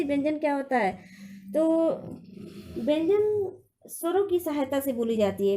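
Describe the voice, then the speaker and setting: A woman's voice: sits high, a little mellow. A woman teaching a Hindi grammar lesson to children, patiently repeating points and asking questions of the class.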